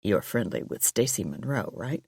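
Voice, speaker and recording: A woman voicing a calm, dry male police chief in an audiobook, lowering and quieting her voice. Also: creaky, breathy edge, dry recording, heavily acted. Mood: measured. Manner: low, quiet and measured.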